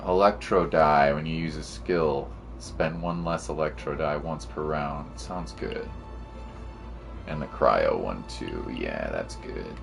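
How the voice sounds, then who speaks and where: A gravelly, extremely low-voiced man takes his time as he streams gameplay live. He chats loosely with viewers in slang, pondering aloud to himself, as the game's music plays behind him.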